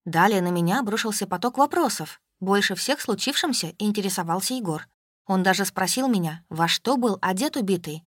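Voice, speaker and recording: Woman, audiobook narration, wry and even, dry close mic, mid pitch. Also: a little fast, breathy edge, no echo. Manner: wry, even first-person telling.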